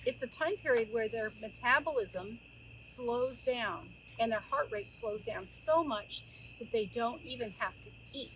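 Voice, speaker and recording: Speaking a little slowly in a somewhat high voice, a middle-aged woman runs a children's story time outdoors by a campfire among the trees. She chats casually and turns questions toward her young listeners. In the background, crickets and insects are plainly audible amid the outdoor ambience.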